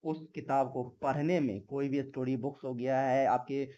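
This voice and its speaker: A man teaching a video lesson, asking himself questions and answering them, then slowly drilling lists of words. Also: medium pitch, steady tone, warm tone, lo-fi sound. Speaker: English teacher. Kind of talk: classroom-style video lesson.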